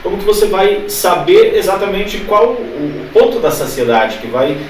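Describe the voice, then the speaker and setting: A man's voice: sits high, very animated, normal speed. Hesitant Brazilian man, echoey and distant. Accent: Brazilian Portuguese. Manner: hesitant, many restarts. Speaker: interviewer. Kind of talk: interview questions. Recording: very echoey, distant from mic, faint noise.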